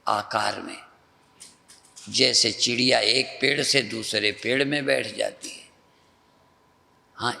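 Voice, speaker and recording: A male spiritual teacher from North India giving a slow, repetitive meditative discourse that guides the listener's mind. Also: medium pitch, vocal fry, pushed and bright, in a large hall. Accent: Hindi, North Indian.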